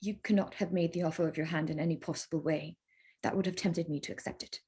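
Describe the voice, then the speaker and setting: In a staged reading of a Regency period drama, a woman plays a proud young gentlewoman in cold fury. Her ordinary female pitch carries a slightly husky edge, and she speaks fast with fairly even intonation. Every line comes out formal and pointed, full of sharp-tongued indignation.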